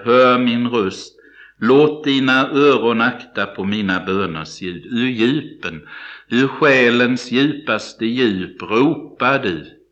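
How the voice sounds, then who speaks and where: A man of middle pitch delivers a devotional radio sermon. He talks in a warm, pastoral way and addresses the lone listener directly and earnestly. The recording sounds somewhat dull and lo-fi. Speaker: preacher.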